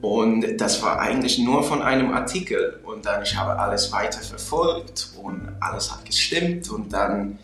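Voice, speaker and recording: A man in his twenties from Chicago, a native English speaker, is a guest in a casual interview, speaking German as a learner with an American accent and carefully restarting his sentences. His voice is fairly low and fairly bright, at a measured pace with hardly any pauses. The room is echoey, with faint music behind him.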